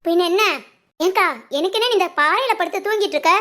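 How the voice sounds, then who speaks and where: A woman's voice: very high voice, quick pace, bright, forceful tone. Woman voicing a chatty village neighbor woman.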